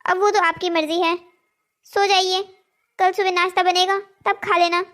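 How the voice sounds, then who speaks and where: A cool, curt young wife from a cartoon family drama, as a woman voices her. Her voice is very high and flatly dismissive. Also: moderate pace. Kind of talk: Hindi cartoon voice acting.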